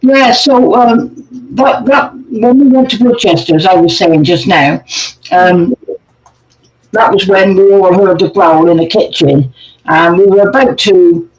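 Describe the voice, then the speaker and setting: A man's voice: high-pitched, measured pace, rough recording. A man chatting casually on a livestream as co-host, telling ghost stories and greeting viewers by name over a video call. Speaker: co-host, paranormal investigator.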